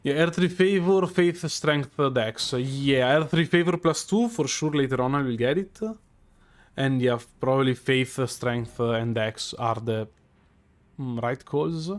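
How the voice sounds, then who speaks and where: Musing out loud while playing live, an Italian streamer speaks with a heavy accent, full of fillers and restarted sentences. His pitch is medium and he talks unhurriedly.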